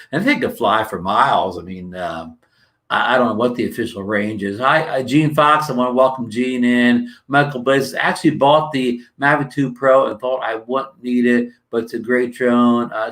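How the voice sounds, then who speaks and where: A livestream host from New Jersey rambles casually, greeting viewers and stumbling through fillers and restarts while his throat sounds dry. He speaks at a medium pitch with a slightly bright tone.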